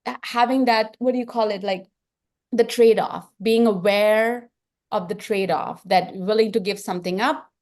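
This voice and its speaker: A woman's voice: medium pitch, fairly even intonation, moderate pace, darkish tone. A middle-aged woman with an Indian accent, a film director talking earnestly in an interview and thinking aloud with frequent restarts. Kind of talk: reflective interview talk.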